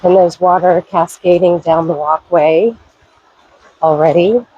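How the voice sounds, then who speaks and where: Woman vlogger, raspy and congested from a cold, upbeat trail chatter, dry close sound. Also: on the low side, fairly even intonation, a little slow, dry recording, lo-fi sound. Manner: chatty, upbeat, pointing things out. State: head cold, stuffy. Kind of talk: casual hiking vlog. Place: outdoors on a forest trail near a waterfall.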